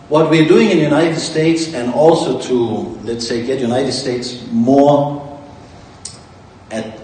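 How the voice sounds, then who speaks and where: Medium in pitch with a darkish tone, a Danish man who founded a company gives a rambling, boastful address in a large conference hall. A distant mic captures the echo, faint ambience, and slight background noise.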